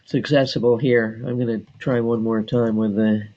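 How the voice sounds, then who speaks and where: A man training staff on database software, talking slowly and deliberately with frequent filler pauses. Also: medium pitch, steady tone, highs cut off. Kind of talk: screen-share software tutorial.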